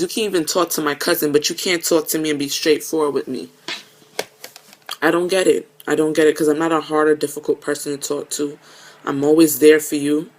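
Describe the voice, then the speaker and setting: A woman speaking to camera in an emotional confessional video message, earnest and halting, often stumbling over her words. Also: low voice. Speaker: vlogger.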